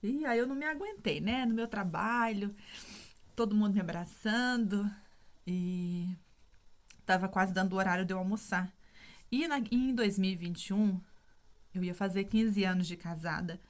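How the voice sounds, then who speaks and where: A woman's voice: medium pitch, normal speed. A woman in her thirties telling a personal story in an emotional, casual way, often apologizing for her feelings. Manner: emotional, tearful at times, with many fillers. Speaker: vlogger sharing her testimony.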